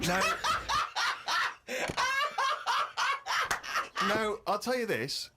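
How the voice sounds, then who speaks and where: A man's voice: very high-pitched, huge pitch swings, drawn-out words, sharp tone, soft background music. A man, a podcast co-host, telling a self-deprecating comic story and acting out other people's lines.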